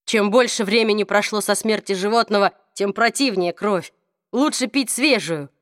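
Woman reading as a smooth mocking young warrior. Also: mid-range voice, moderate pace, no echo, studio quality, lightly acted. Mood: dry, mocking. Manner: even, faintly mocking tone.

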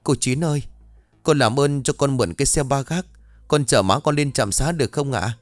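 A man's voice: mid-range voice, moderate pace, dry recording, pitched above the performer's own voice, close to an everyday voice. A man voicing a frantic, tearful young village woman in a spooky audio story. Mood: pleading.

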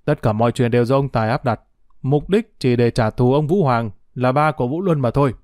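Man voicing a husky, gentle husband, grave, storybook. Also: mid-range voice, brisk, no echo, clean studio sound, lightly acted. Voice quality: husky with emotion. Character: gentle, self-sacrificing husband.

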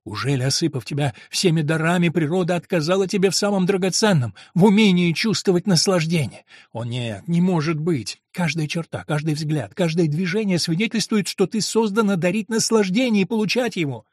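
A man reading a novel aloud, voicing a domineering, lustful monk who speaks slowly and coaxingly. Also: no echo, clean studio sound. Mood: impassioned. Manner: low, slow and coaxing.

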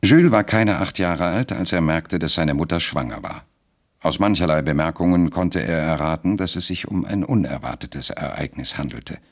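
A man narrating a radio drama in a measured, deliberate storytelling manner. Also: sits low, expressive.

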